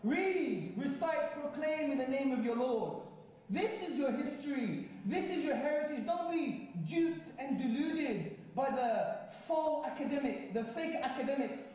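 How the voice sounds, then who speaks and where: High-voiced man orating in an echoey hall. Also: mellow. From Britain. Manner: emphatic, repetitive oratory. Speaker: Islamic speaker addressing an audience. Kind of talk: impassioned public lecture. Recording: very echoey hall, mic far off, faint noise.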